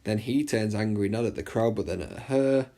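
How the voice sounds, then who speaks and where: A man teaching an exam revision lesson in a chatty way, often checking understanding and reading the extract aloud slowly. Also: fairly low pitch, dark tone. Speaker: English literature teacher.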